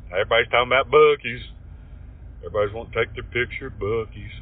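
A man with an Appalachian Southern accent and a slow, folksy drawl, husky, co-hosting a casual comedy podcast. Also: medium pitch, narrow, tinny audio. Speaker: podcast co-host. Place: car on the road.

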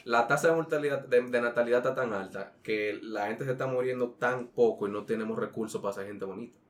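A man's voice: medium pitch, quick pace. A man with a Dominican accent in casual comedic chat among friends, co-hosting with slangy, sweary, rambling storytelling. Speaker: podcast co-host.

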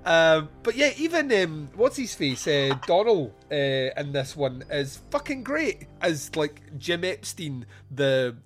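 A man's voice: a little high, sing-song, takes it slowly, few pauses, soft background music. A man hosting a film podcast, chatting casually in a rambling, enthusiastic, sweary way. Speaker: podcast host.

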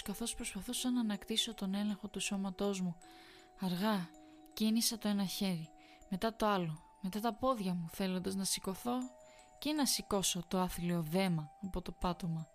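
A woman narrating a horror story in a measured, tense storytelling manner. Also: medium pitch.

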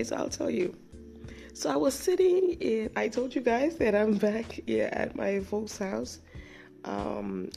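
Still recovering from a cold and a chesty cough, a woman hosting her own podcast tells a rambling story in a casual, chatty way, often restarting and laughing. Her medium-pitched voice is creaky with a dark tone.

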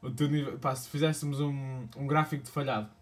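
A man's voice: medium pitch, little pitch movement, a little fast. A young man with a European Portuguese accent, co-hosting a podcast and bluntly mocking his friend in casual banter. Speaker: podcast co-host.

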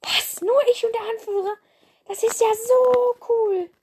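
A woman's voice: extremely high pitch, steady tone, unhurried, background noise, voice pushed up. A woman voicing a little female apprentice cat who asks eager, bubbly questions. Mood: excited.

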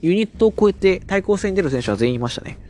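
Hosting a chatty solo show about wrestling, this man recounts events and playfully imitates the promos others cut. His voice is high and expressive yet darkish, and he talks at a quick pace.

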